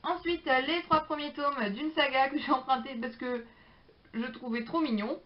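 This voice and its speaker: A woman's voice: high voice, normal speed. A young woman vlogging about books she borrowed, chatting casually with frequent hesitations and fillers. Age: young adult. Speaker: book vlogger. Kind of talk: casual chat. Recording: slightly dull lo-fi sound.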